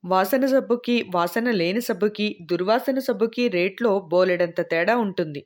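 A woman's voice: mid-range voice, moderate pace, darkish tone, lightly acted. A woman reading a chatty man who explains everyday life abroad in a matter-of-fact way, as in an audiobook.

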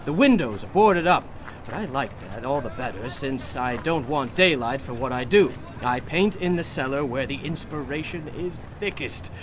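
In a radio drama, a male actor with a mid-range voice plays an eccentric, boastful painter of horrors, speaking fervently and persuasively in a confiding mood. His delivery is animated at a normal speed and close to an everyday voice, with slight background noise.

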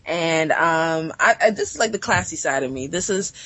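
A woman's voice: low-pitched, animated, moderate pace, fairly bright tone, no echo. A woman from Southern Africa with a Southern US accent, telling stories as a podcast guest in a sassy, playful smack-talking way. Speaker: podcast guest, lifestyle blogger. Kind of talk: casual chat.

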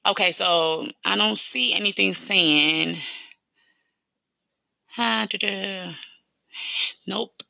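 A fast-talking New woman hosts her podcast, rambling in slangy, casual talk. Her low voice has a gravelly fry and a bright, forceful edge. The close mic gives a dry sound. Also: no echo. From New York. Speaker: podcast host.

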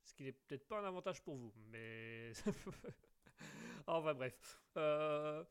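A man's voice: on the high side, animated, slow pace, smooth. A man with a slight English accent hosting a live call-in radio show, playful, rambling and theatrical. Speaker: radio host.

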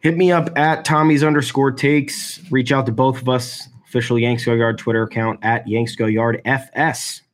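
A man co-hosting a casual sports podcast, thinking aloud in a halting, conversational way. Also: mid-range voice, little pitch movement.

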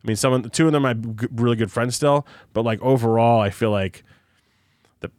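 A young adult man in casual podcast chat, telling stories in an animated way and acting out the voices of people he quotes. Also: mid-range voice, brisk, no room sound, studio quality.

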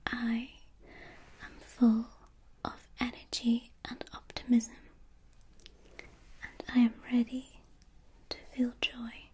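A woman doing ASMR, whispering slow, repeated affirmations into a close microphone. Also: on the high side, completely flat delivery, a little mellow, a little hiss or hum. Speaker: ASMR creator.

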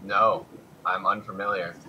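A man's voice: low-pitched, flat delivery, unhurried, highs cut off. A man playing a tabletop game, answering politely and tersely in character. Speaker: player. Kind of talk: tabletop role-play. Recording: noisy background.

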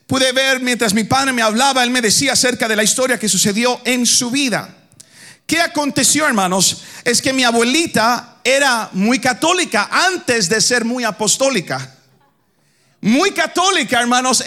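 A man from the Dominican Republic preaching an impassioned sermon, shouting some lines and chanting others in a sing-song cadence, calling his listeners brothers. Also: very high voice, expressive, moderate pace. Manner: keeps addressing the congregation as brothers.

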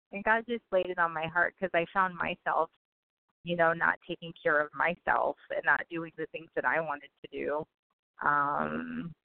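A Guyanese physician in her thirties chats about her career as an interview guest, laughing often and saying "um" a lot. Her lowish voice is clear and resonant with no room sound, though the line itself sounds tinny, like a phone.

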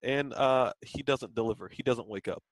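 A man's voice: medium pitch, normal speed, dry recording, poor audio. A man co-hosting a podcast, talking candidly and loosely with lots of fillers in casual chat. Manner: candid, rambling, many fillers. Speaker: podcast co-host.

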